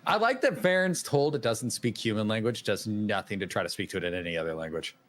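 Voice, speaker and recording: A man playing in a tabletop game, chatting casually about the characters in an animated, joking way. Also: fairly low pitch, fast talker. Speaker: player.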